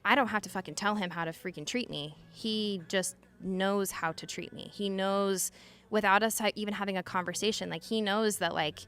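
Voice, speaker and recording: A woman in her thirties, a podcast guest, talking candidly and casually, with many filler words, frequent swearing and quick laughs. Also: mid-range voice, fairly bright tone, smooth, faint music behind. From Utah. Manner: chatty, lots of "like" fillers and swearing, laughs often.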